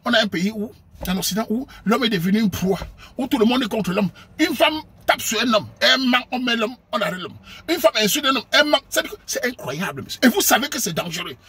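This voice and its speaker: A man from Cameroon with a Cameroonian French accent, delivering a preachy, scolding monologue to his viewers and sometimes bursting into shouts. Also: very high-pitched, animated, fairly quick, husky. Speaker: online commentator.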